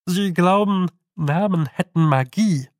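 A man's voice: high-pitched, slow, no echo, pitched above the performer's own voice. A man voicing a dry, knowing talking toad who gives wry, muttered advice.

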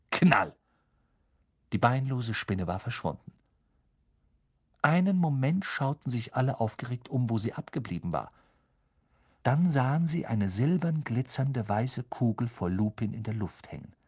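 A man narrating a fantasy story as an audiobook reader, with an expressive, dramatic delivery. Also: mid-range voice. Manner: expressive, dramatic reading with many voice shifts. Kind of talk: scripted narration.

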